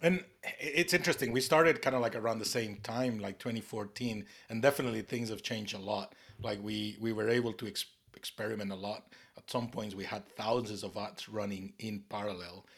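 A man's voice: fairly low pitch, a little fast, creaky, a bit bright. A man hosting a podcast, enthusiastic and rambling, with many fillers. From Costa Rica. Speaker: podcast host.

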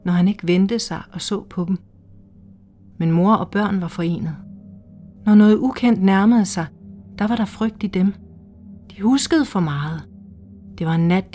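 Hushed woman reading a literary story. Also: medium pitch. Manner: slow, hushed, measured storytelling. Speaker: reader. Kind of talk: scripted literary narration. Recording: faint music underneath.

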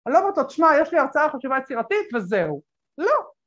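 A woman with a fairly high voice tells stories as an interview guest. She jumps into the voices of the people she quotes and fills her pauses with lots of hesitations. The sound is a little dull and lo-fi. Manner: animated, acts out quoted voices, many fillers. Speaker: guest speaker. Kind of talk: conversational interview storytelling.

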